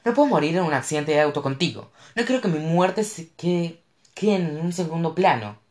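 A narrator voicing an anxious, dramatic teenage girl who wants to be a writer, with shrill, panicky outbursts. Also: big pitch swings, brisk. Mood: panicked, shouting. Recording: roomy echo.

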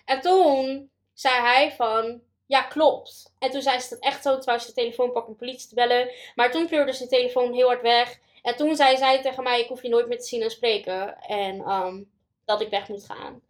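A young woman telling her own story in an interview, pausing often and full of fillers. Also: fairly high pitch, steady tone. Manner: halting, many pauses and fillers, quoting others. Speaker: guest. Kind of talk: personal testimony in an interview.

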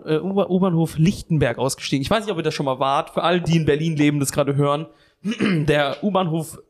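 A young man with a slightly high voice tells a long comic story into a podcast mic. He rambles, swears freely and keeps circling back to pick up the thread. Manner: rambling, swears a lot, keeps restarting with "anyway". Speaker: podcast co-host.

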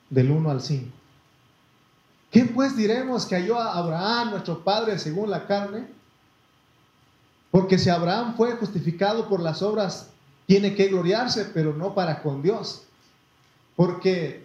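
With a high-pitched, slightly mellow voice, a man gives a sermon in Mexican-accented Spanish. Folksy in style, he reads from the Bible, refers to listeners as brother, and asks for amens. Sound comes from an echoey room and is a bit muffled.

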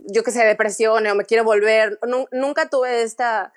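A woman's voice: on the high side, normal speed. Chatty Mexican woman telling her story. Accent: Mexican Spanish. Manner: chatty, animated storytelling with frequent restarts. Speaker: guest. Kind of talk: casual interview conversation.

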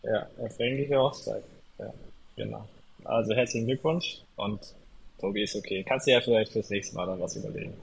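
A man's voice: lowish voice, brisk, gravelly, slightly rough, low-quality recording. A man co-hosting a podcast in casual chat, talking in a rambling, hesitant way with many restarts. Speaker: podcast co-host.

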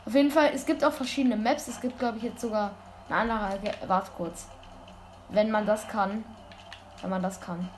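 A woman giving casual gameplay commentary, excitable and full of youthful slang, breaking into sudden loud exclamations. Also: medium pitch, moderate pace. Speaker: let's play gamer. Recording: constant background noise.

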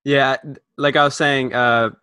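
A man's voice: medium pitch, fairly even intonation, measured pace, pushed and bright, clear, resonant tone, no room sound. Dry-sounding man hosting a podcast. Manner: upbeat, with restarts and false starts. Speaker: podcast host. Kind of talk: casual podcast interview.

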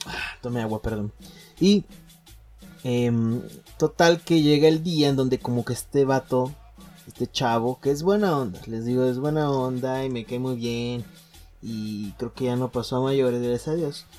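A young man with a Mexican accent casually telling a school story on a podcast, full of slang, swearing, jokes and halting restarts. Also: medium pitch, darkish tone, faint music behind. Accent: Mexican Spanish.

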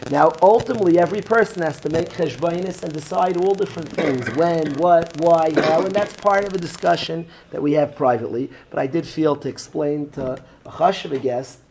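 A man's voice: fairly high pitch, brisk, gravelly, few pauses, noisy background. A man, teaching an informal Torah class and joking students he calls by name. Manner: animated, joking, talks straight to students by name. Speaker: rabbi teaching a yeshiva class.

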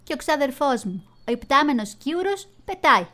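A woman's voice: high-pitched, very animated, bright, forceful tone, pitched above the performer's own voice, exaggerated voice. A woman voicing a cheeky male squirrel who scoffs at the others. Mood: mocking.

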